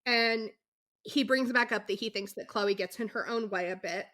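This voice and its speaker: A woman co-hosting a podcast in a chatty, animated tone, full of asides. Her voice sits a little high and rings bright and forceful. She talks with plenty of fillers. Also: normal speed. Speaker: podcast co-host. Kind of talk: casual chat recapping a reality show.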